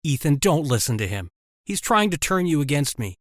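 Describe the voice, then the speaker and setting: A man's voice: a little high, very animated, moderate pace, dry recording, clean studio sound. A man voicing a defiant young spy wife. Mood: urgent. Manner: pleading then defiant. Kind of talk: animated story voice-over.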